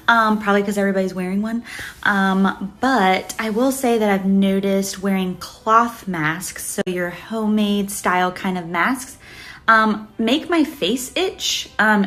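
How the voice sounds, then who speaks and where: A woman's voice: mid-range voice, fairly bright tone. A woman hosting a travel vlog, talking in a chatty way to her viewers. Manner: chatty, addresses viewers as guys. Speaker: vlogger host. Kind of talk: casual vlog talk and scripted voice-over.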